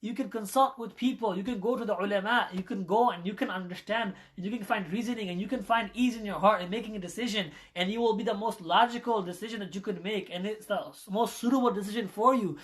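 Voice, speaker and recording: A man's voice: sits high, quick pace, hardly any pauses, fairly bright tone. A man teaching an informal Islamic ethics class in a conversational way, often checking in with "right?" and acting out the voices of critics. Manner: acts out quoted voices of critics.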